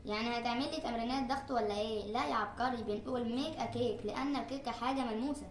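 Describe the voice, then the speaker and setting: A woman's voice: fairly high pitch, very fast, roomy sound, lightly acted. A woman voicing a clever young male know-it-all who corrects mistakes with teasing jabs, in an Egyptian Arabic accent. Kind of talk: cartoon comedy skit.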